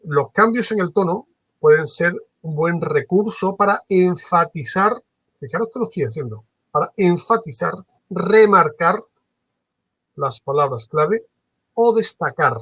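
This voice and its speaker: A man lecturing as a trainer in a workshop, animated and varying his tone on purpose, with many fillers. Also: fairly high pitch, moderate pace, breathy edge, no room sound, rough recording. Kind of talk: workshop lecture on phone customer service.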